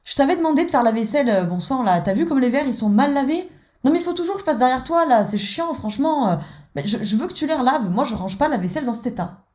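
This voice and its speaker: A woman's voice: high voice, expressive, fast talker, a little mellow, pitched above the performer's own voice. A woman acting out an irritated husband who scolds his partner about badly washed dishes. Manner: exasperated, scolding.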